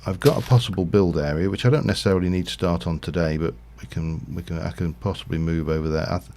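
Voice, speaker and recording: Low gravelly man streaming. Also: steady tone, fast talker, darkish tone, slight background noise. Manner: rambling, thinking aloud with frequent fillers. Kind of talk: casual Minecraft livestream commentary.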